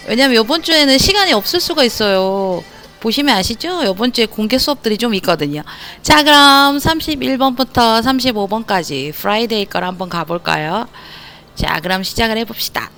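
Lively, playful woman teaching English words. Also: fairly high pitch. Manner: playful, energetic, self-mocking asides; slows down to spell letters out. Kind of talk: online vocabulary lesson.

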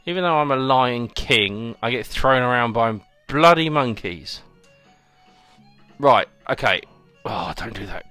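A young man commentates his own video game playthrough in a chatty, sarcastic way, speaking straight to his viewers. His pitch swings all over the place, and his voice is bright and forceful. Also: lively intonation, a little slow, no echo. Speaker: host playing a video game. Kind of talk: let's play commentary. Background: faint game music.

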